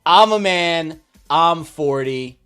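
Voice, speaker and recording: A man in his forties co-hosting a casual podcast, relaxed, with mock-formal introductions. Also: on the high side, slow pace, music in the background. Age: 40s. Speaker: podcast co-host.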